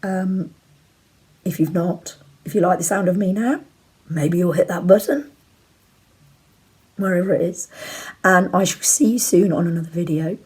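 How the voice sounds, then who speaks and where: A woman in her forties with a croaky voice, under the weather, chatting casually and candidly to camera as she answers viewer questions in a rambling way. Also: fairly low pitch, moderate pace, pauses often, a little mellow. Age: 40s. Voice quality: croaky, husky. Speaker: video blogger. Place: bedroom at home, indoors.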